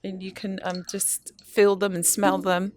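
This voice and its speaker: A woman's voice: mid-range voice, completely flat delivery, unhurried, a little mellow, slight background noise. A woman, a guest in a casual interview, explaining at length with many ums. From North London, UK. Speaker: guest, skincare business founder.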